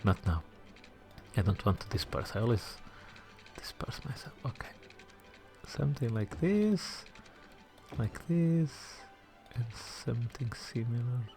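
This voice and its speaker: This gaming channel host is doing let's-play commentary on a city-building game, thinking out loud, muttering asides, and sometimes dropping to a whisper. He's chatty and self-deprecating with his viewers. His medium-pitched voice is expressive and dark in tone, moving at a measured pace with long pauses over soft background music.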